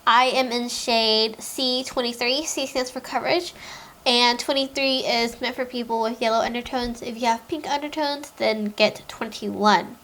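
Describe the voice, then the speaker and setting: A woman's voice: on the high side, steady tone, moderate pace, a bit bright. A woman with a stuffy, congested voice from a cold, giving a chatty, rambling makeup review and often correcting herself. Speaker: beauty vlogger. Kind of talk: casual product review.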